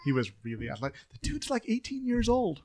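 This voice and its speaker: A man co-hosting a casual podcast, telling stories in a relaxed way. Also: high-pitched, fast talker. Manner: relaxed storyteller. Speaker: podcast co-host. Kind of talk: casual chat.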